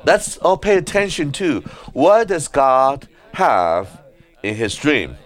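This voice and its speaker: A man preaching at a conference in a meeting hall, halting often with filler sounds as he speaks. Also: fairly high pitch, expressive. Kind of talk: sermon.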